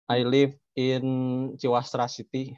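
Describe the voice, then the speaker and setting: Guy doing a friendly intro, flat monotone, dry muffled call. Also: medium pitch, slow pace, smooth, no echo. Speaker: class participant. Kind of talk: self-introduction in English. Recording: dull dry online call.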